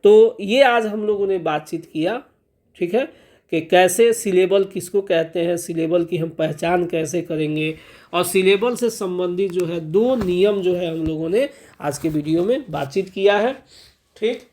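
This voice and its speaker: A male teacher with a fairly high-pitched voice explains a pronunciation lesson step by step. He stretches out the example sounds slowly and keeps checking that his students are following. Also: a little mellow. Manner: repeats "clear ho gaya" and "theek hai" as check-ins; slow, drawn-out enunciation of example sounds. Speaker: English teacher. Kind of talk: classroom-style explanation.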